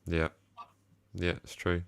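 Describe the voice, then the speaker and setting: Deep-voiced guy chatting footy with a mate, reading comments out. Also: monotone, slow pace, vocal fry, clear, resonant tone. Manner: chatty, reads out viewer comments. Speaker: co-host of a football fan channel. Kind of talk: casual chat.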